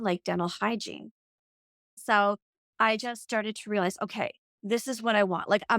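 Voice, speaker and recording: A woman in her forties speaks as a guest on an interview, telling her story in an earnest, reflective way. Her voice sits at a middle pitch, and "like" keeps slipping into her sentences. The recording is dry and close, with no room echo. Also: vocal fry, a bit bright. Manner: earnest, reflective, frequent "like" fillers. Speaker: podcast guest, coach. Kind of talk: conversational storytelling.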